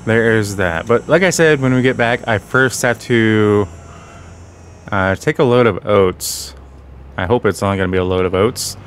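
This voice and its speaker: A man's voice: on the low side, fairly bright tone, a little hiss or hum. A man hosting casual game commentary, talking slightly off as he guards a sore, bitten tongue. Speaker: gaming channel host.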